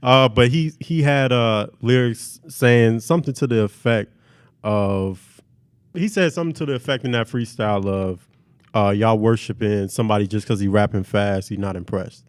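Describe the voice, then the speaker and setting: A man's voice: on the low side, normal speed, clear, resonant tone, no room sound. Playful, slangy podcast host man. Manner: playful, slangy, hammy storytelling. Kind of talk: casual chat.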